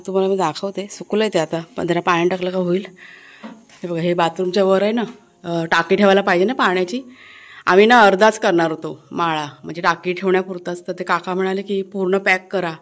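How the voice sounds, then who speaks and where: A woman's voice: on the low side, steady tone, fairly quick, no echo. A woman casually chatting to her viewers while showing a village garden outdoors, with many fillers. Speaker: vlogger. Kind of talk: casual village vlog narration.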